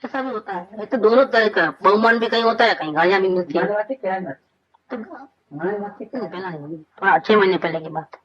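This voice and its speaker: A man's voice: high-pitched, normal speed, long pauses, muffled recording, a crowd in the background. A man teaching from scripture in an informal spiritual discourse, asking rhetorical questions and answering them himself.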